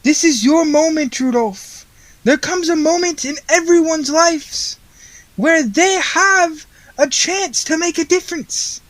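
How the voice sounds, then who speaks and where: Merry Shakespearean Santa played by an actor: high voice, unhurried theatrical verse, dry studio sound. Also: no room sound. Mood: solemn, urging. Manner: slow, declamatory, theatrical delivery. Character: merry, stately Shakespearean Santa Claus, grandly pleading. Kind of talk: mock-Shakespearean radio play acting.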